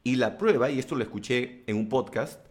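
A man talks straight to camera, handing out self-help tips. He is blunt and slangy, with animated asides. His voice sits at an ordinary mid pitch. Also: a little fast. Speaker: self-help vlogger and coach. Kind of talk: motivational talking-to-camera monologue.

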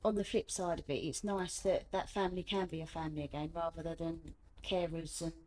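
A woman's voice: low-pitched, level tone, brisk, a little mellow. A woman, a nurse, giving plain-spoken, reflective answers in an informal interview. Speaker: hospice nurse. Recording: light ambient background noise.

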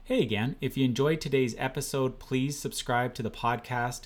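A podcast host interviewing a guest, asking unhurried questions with fillers. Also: medium pitch.

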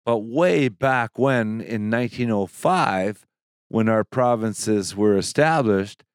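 Unhurried older man. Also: on the low side, smooth, no echo, studio quality. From Alberta, Canada. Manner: unhurried, explanatory storytelling with chuckles. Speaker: guest. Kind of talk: casual chat.

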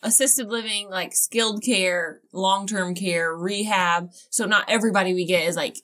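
A woman's voice: mid-range voice, fairly even intonation, moderate pace, pushed and bright. A woman from Indiana who directs an assisted living unit, talking plainly and matter-of-factly in a casual podcast chat recorded in a cold basement.

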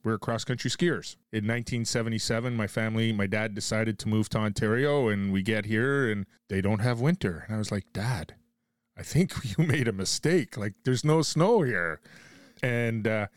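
A man from Quebec hosting a podcast, chatting in a relaxed, friendly way. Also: lowish voice, moderate pace, dry recording. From Quebec, Canada. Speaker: podcast host. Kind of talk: casual chat. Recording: dry close sound.

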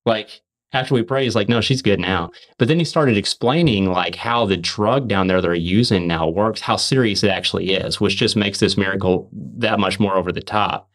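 A man's voice: fairly low pitch, a bit bright. A man on a podcast telling an earnest faith testimony, emphatic, often restarting and repeating words. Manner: emphatic, fast and repetitive restarts. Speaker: podcast host.

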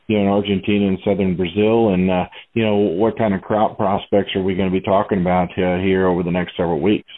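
A man speaking over the phone as a market analyst guest in a casual interview, rambling with plenty of "you know" and "uh". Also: lowish voice. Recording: tinny phone line.

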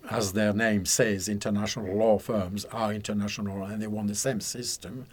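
Older male guest in his 70s, from Algeria and France, low voice, rambling and laughing as he chats in a studio. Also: little pitch movement, moderate pace, husky. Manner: chatty, rambling storyteller with frequent laughs. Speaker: guest, psychic counsellor. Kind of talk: casual interview chat. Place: podcast studio.

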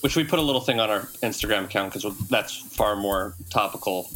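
A man's voice: on the low side, a little fast, sharp tone. A man hosting a comics and cocktails podcast, chatting casually with a wry, cynical humor. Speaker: podcast host. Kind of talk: casual chat.

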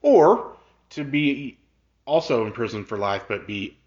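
Wry podcast guy cracking jokes, unhurried, lo-fi audio. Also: mid-range voice, very animated, darkish tone. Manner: wry, joking, laughs often. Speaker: podcast co-host. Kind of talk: casual chat.

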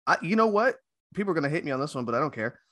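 Bright-toned man mulling over picks. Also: fairly high pitch, big pitch swings, rapid-fire, no room sound, clean studio sound. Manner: hesitant, mulls picks aloud with hums and fillers. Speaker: podcast co-host. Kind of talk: casual sports chat.

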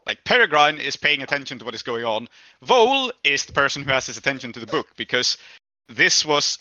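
A man's voice: fairly high pitch, sharp tone, dry recording. A man narrating as game master in a tabletop role-playing session, explaining rules and scenes casually.

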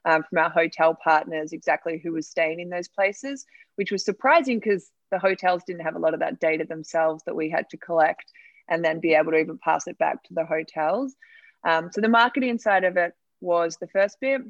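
Chatty Australian woman founder, low voice. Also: normal speed, no room sound, highs cut off. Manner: candid, chatty, many fillers. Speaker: startup founder. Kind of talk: podcast interview.

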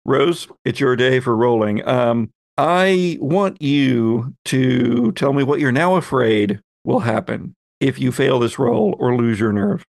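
A man acting as game master and host runs a tabletop role-playing game, narrating off the cuff in vivid detail. His mid-pitched voice is gravelly and animated, slow yet with few pauses. The sound is close and dry, with no echo.

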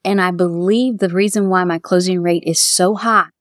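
A middle-aged woman with a Kentucky accent, a bridal shop owner talking warmly and at length in a casual interview. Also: fairly low pitch, moderate pace, dry recording, clean studio sound. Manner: chatty, heartfelt, quotes others in lively voices.

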